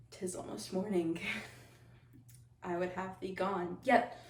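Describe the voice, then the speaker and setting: A woman's voice: lowish voice, steady tone, very slow, darkish tone, a little hiss or hum. A woman performing a classical monologue as a lovestruck young girl calling after her lover, breathless and giggly, stretching the verse. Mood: longing, playful. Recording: echoey room from far off.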